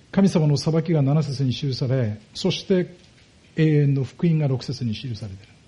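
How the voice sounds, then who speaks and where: A pastor preaching a sermon, explaining step by step and putting rhetorical questions to the congregation. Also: male voice, mid-range voice, warm tone, dull audio.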